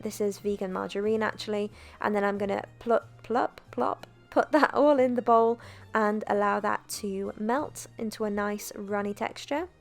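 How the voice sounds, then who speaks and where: Chatty young woman narrating a recipe. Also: mid-range voice. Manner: chatty, self-deprecating, relaxed. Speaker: cooking vlogger.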